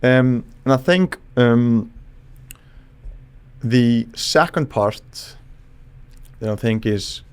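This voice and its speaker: A man from Iceland, a psychologist guest on a podcast, explaining in a thoughtful, halting way with frequent restarts. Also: mid-range voice, clear, resonant tone. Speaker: psychologist and charisma expert guest. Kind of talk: casual podcast interview.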